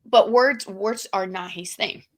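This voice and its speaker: A young woman co-hosting a podcast, telling personal stories in a candid, profane, animated way. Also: medium pitch, unhurried. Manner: candid, profane, acts out quoted lines animatedly. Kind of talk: casual storytelling chat.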